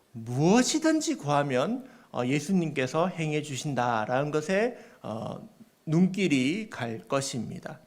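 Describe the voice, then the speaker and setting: A male pastor delivers a sermon in a high voice that rises and falls a great deal. He explains step by step, asks the congregation rhetorical questions, and acts out the voices he quotes.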